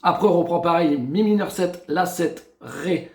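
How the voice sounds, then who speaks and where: A man teaching guitar, explaining chords step by step and counting beats as he plays. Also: fairly high pitch. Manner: slow step-by-step explaining, counting beats and singing snatches while playing. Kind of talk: guitar tutorial. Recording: echoey room with loud guitar.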